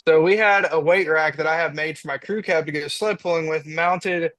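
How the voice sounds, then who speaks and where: A man's voice: a little high, normal speed, a bit bright, dry recording, low-quality recording. A young man from Indiana, a diesel truck racer on a podcast, telling a story in casual chat and acting out his own quotes.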